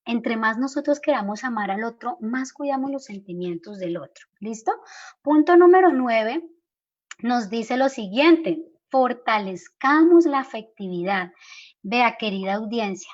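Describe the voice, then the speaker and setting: A woman's voice: a little high, animated, a little slow, muffled recording. A Colombian woman school counselor giving an earnest parenting workshop talk, often checking in with her listeners. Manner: earnest, keeps asking "¿sí?" to check in.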